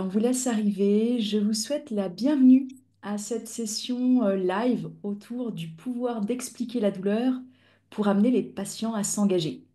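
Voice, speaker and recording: A middle-aged woman, a physiotherapist who teaches pain education, leads a live webinar for other clinicians through a video-call microphone. Her mid-range voice is mellow and relaxed, and her explanations come slowly and patiently, with frequent hesitations as she searches for words.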